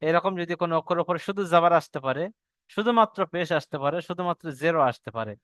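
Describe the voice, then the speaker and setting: Bengali male teacher, smooth tone, slightly higher voice, dry close sound, drills call-and-repeat. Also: quick pace, a bit bright, dry recording. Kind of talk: online Quran reading class.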